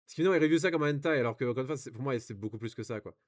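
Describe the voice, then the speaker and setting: A man's voice: medium pitch, racing. A young man with a French accent, reading and commenting on reviews in casual, rambling chat full of fillers and restarts.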